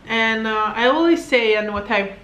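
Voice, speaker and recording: A fairly bright, somewhat high female voice at a moderate pace, on dull audio. The speaker is a fitness coach in her thirties from Slovakia who speaks Hungarian natively and has a Hungarian accent; she chats casually and ramblingly to a camera set on a table at arm's length in her home living room, with fillers and little laughs.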